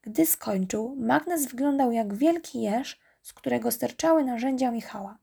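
A woman narrating a children's storybook in a calm, even reading voice. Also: fairly high pitch, measured pace, creaky, slightly rough.

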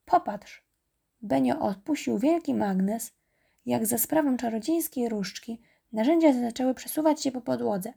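A woman narrating a children's storybook in a calm, even reading voice. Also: a little high, normal speed, gravelly, husky.

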